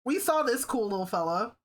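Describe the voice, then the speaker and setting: A woman's voice: fairly high pitch, breathy edge. A woman livestreamer chatting casually with her viewers, swearing freely and laughing often. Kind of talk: casual stream chat.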